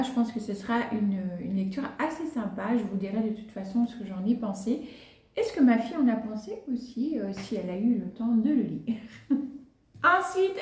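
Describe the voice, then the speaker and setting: A woman's voice: fairly high pitch, darkish tone. Chatty woman with a roomy echo. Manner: chatty, many hesitant fillers, light laughs. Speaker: book vlogger. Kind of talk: casual book haul chat.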